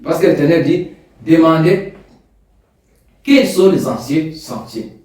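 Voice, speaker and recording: A slightly high male voice with lively intonation takes its time through a sermon in an echoey hall. The preacher is Rwandan, a first-language Kinyarwanda speaker, rising emphatic on key points and going quiet in prayer, all caught by a distant mic.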